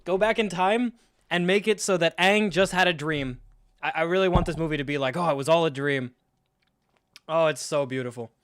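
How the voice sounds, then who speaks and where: A man's voice: on the high side, brisk, a bit bright, clear, resonant tone, dry recording, clean studio sound. A young man streaming a live film reaction and ranting about it with sarcastic, profane disbelief. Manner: sarcastic, profane, incredulous rants.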